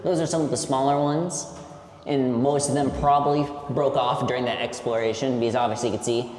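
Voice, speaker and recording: A man's voice: medium pitch, fairly even intonation, a little fast, a little mellow. Echoing cave guide, a man explaining. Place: inside a cave, on a tour boat. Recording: echoey cave, long reverb, background noise.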